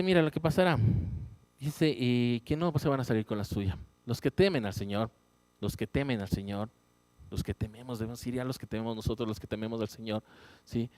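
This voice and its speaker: A man teaching a Bible study in a church, animated and conversational, often checking in with his listeners. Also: fairly low pitch, no room sound. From Ecuador. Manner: animated, rising emphatic exclamations; conversational, frequent "¿sí?" check-ins. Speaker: pastor.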